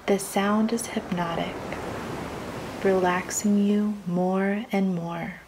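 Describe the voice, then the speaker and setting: A woman with a medium-pitched voice reads a scripted guided imagery meditation, calm, soothing and measured, leaving long pauses. There is noise in the background.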